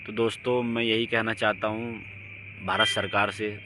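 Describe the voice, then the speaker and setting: A man giving an impassioned, preachy monologue, his voice swinging from emphatic outbursts down to low, quiet lines. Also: level tone, moderate pace, noisy background. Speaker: religious speaker.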